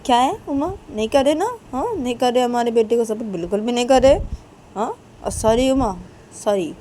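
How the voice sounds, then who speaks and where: A woman voicing a grandmother who fusses, apologizes and scolds in a loud high voice. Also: animated, normal speed, a little hiss or hum, close to an everyday voice. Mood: scolding.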